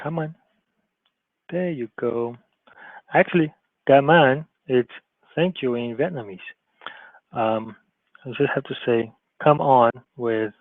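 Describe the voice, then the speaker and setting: In an informal screen-share tutorial, a male college advisor of medium pitch talks loosely, restarting and regularly asking "okay?" There's no room sound, and the audio is tinny and narrow like a phone.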